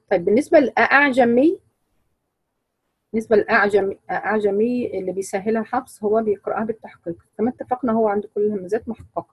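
Woman teacher, dry close sound, measured explainer who quizzes the class. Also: medium pitch, slightly rough, no echo, lo-fi sound. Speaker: Quran recitation teacher.

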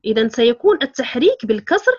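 A woman's voice: on the high side, sing-song, quick pace, husky, muffled recording. A woman teaching Quran recitation rules, patiently explaining them step by step. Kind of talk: online tajweed lesson.

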